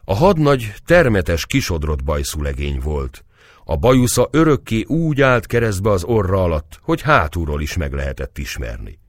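Male audiobook narrator, deep and very expressive, dry close sound. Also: no echo. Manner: acts out the dialogue with raised voice. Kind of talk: audiobook narration of a historical novel.

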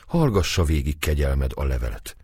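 A man voicing a gentle noblewoman who soothes and placates her husband. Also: extremely low pitch, very animated, slightly rough, no room sound, heavily acted. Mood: soothing. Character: calming middle-aged noblewoman, gentle wife.

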